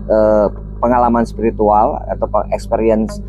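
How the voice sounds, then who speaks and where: Low-voiced male host prompting a guest. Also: flat delivery, normal speed, lo-fi sound, music in the background. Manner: frequent "hmm, iya" backchannels and follow-up questions. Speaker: podcast host. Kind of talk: casual interview chat.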